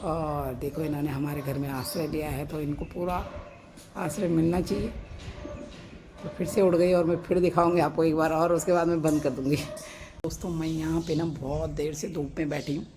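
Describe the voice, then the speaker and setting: A woman from Uttarakhand with a Pahadi Hindi accent, vlogging from her sunny rooftop balcony on a phone camera, keeping her voice low and soft so she does not scare the birds. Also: steady tone, normal speed, noisy background. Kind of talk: casual vlog narration. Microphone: phone camera held by the speaker.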